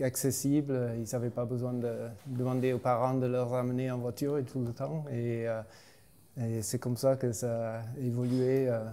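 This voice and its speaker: Hesitant older man, smooth dark voice. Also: mid-range voice. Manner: hesitant, many fillers. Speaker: interviewee, trail builder. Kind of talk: casual interview.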